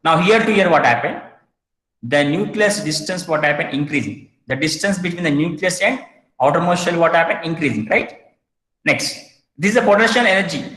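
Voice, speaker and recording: A man's voice: on the high side, lively intonation, brisk, a bit bright. Man lecturing chemistry in an echoey hall. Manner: repetitive rhetorical questions, self-answering. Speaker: chemistry teacher. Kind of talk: classroom lecture.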